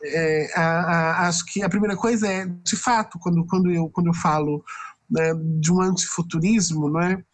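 A woman's voice: on the low side, fairly even intonation, normal speed. A woman, a writer and researcher answering interview questions thoughtfully and often ending with tag questions. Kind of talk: reflective podcast interview answer.

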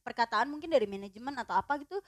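A woman, chatting casually as a podcast co-host, animated and quick to laugh. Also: a little high. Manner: animated, acts out quotes, laughs often. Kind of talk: casual chat.

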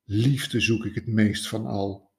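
A man's voice: fairly low pitch, fairly even intonation, gravelly, a little mellow. A man voicing a grieving, drunk middle-aged widower who sobs and stumbles over his words. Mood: sorrowful. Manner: sobbing, halting, stumbling over repeated words.

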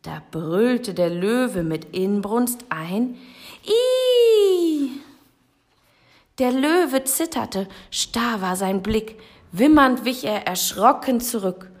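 A young woman reads a rhyming children's picture book aloud, unhurried and gentle. Her delivery is expressive, dipping into soft whispers for the quiet moments, with a voice that sits in a middle pitch. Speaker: storybook reader.

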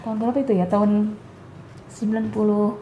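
A middle-aged woman, a kindergarten educator, telling stories lively and animated as a guest in a casual conversation. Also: medium pitch, brisk. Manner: lively storyteller, animated explaining. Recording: echoey room, faint ambient noise.

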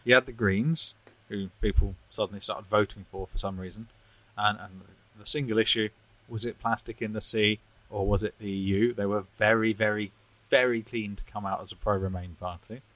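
A man's voice: fairly low pitch, fairly even intonation, moderate pace, a bit bright, no room sound, poor audio. A man co-hosting a podcast, talking in a rambling, self-deprecating way and chuckling often. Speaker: podcast co-host. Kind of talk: casual political chat.

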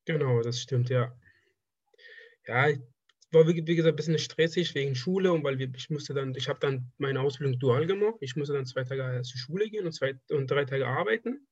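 Here the same kind of speaker, a young Afghan draftsman whose first language is Persian (Dari), talks haltingly and often starts his phrases over. His mid-range voice is slightly rough, and the lo-fi recording has no echo.

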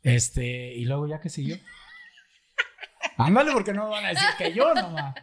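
Joking middle-aged Mexican man, higher voice. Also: big pitch swings, a little slow, a bit bright. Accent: Mexican, Michoacán. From La Piedad, Michoacán, Mexico. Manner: colloquial and joking, laughs while telling the story. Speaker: podcast host. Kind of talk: casual storytelling chat.

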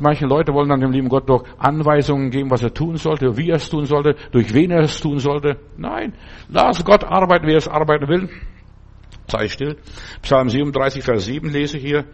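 Older pastor preaching emphatically. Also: male voice, on the high side. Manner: emphatic, repetitive preaching with rising outbursts; conversational asides like "verstehst du". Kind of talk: sermon.

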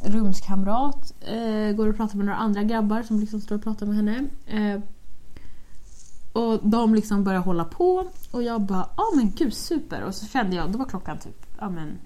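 A young woman casually telling a story, acting out what she and her friends said. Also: medium pitch. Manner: animated, quotes herself and friends with "jag bara".

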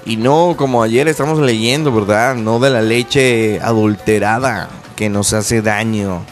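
A man's voice: lowish voice, a little slow, faint music behind. A man preaching a radio sermon, earnestly urging his listeners in direct address.

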